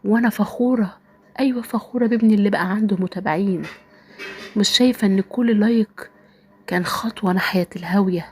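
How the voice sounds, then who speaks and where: A woman with an Egyptian Arabic accent telling a first-person dramatic story in a soft, sorrowful, often half-whispered way. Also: medium pitch, quick pace.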